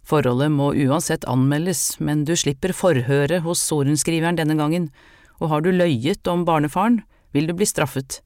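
A narrator voicing a stern male priest who passes judgment in a loud, chanting voice. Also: mid-range voice, dry recording, studio quality, lightly acted.

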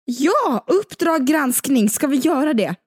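A woman's voice: high-pitched, big pitch swings, dry recording, clean studio sound. A woman co-hosting a podcast, teasing her partner in casual, playful chat. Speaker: podcast co-host.

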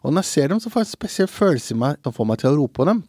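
A man's voice: on the high side, very animated, warm tone, breathy edge, dry recording, studio quality. Earnest young man telling a story. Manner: earnest, reflective, with frequent hesitations. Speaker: comic creator and interview guest. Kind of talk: storytelling in an interview.

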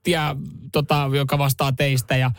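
A man co-hosting a morning radio show, chatty and interjecting as he reasons out loud. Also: mid-range voice, level tone, smooth, no room sound, studio quality, soft background music. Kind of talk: casual radio chat. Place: radio studio. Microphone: studio microphone.

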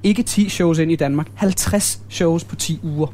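A man with a fairly high voice chats backstage as an animated storyteller, cursing freely as he talks. There is a light hiss of noise under the recording. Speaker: band member being interviewed. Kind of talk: casual backstage chat. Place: backstage room.

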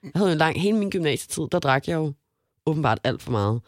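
A young man chatting casually on a podcast, telling a story with lively acted-out quotes. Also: on the high side, no echo, clean studio sound. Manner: animated, acts out quoted voices.

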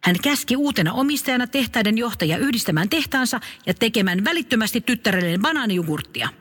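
A man's voice: very high-pitched, husky, big-room sound. A man narrating a comic children's story, playful and speaking to the listener. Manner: playful, lively, addresses the listener.

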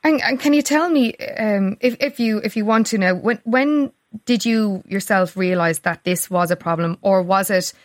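A woman's voice: medium pitch, moderate pace, no echo, clean studio sound. A woman with an Irish accent hosting a radio interview, asking questions in a careful, tentative way.

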